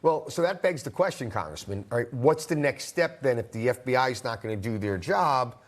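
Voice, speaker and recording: A man co-hosting a news interview, asking brisk, direct questions. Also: mid-range voice, lively intonation. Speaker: news anchor.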